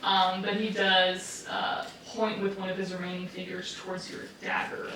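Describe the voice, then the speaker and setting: A woman's voice: medium pitch, monotone, normal speed, heavy background noise. Woman game master, echoey and distant. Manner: hesitant, filler-heavy narration. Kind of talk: narrating a tabletop game. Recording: echoey room, far from mic, music behind.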